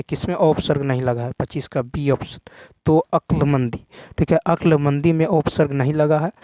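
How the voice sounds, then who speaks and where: A man teaching an exam-prep lesson in a slightly high voice. He works steadily through practice answers and keeps checking in with "thik hai". The sound is dry and close, with no room echo. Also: warm tone. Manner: repetitive, says "thik hai" often.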